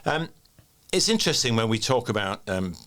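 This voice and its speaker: Male podcast host, broad Yorkshire, lowish voice, conversational and plain-speaking with a jokey streak. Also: very animated, fairly quick, a bit bright. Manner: jokey, plain-speaking, checks understanding with questions. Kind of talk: conversational financial podcast hosting.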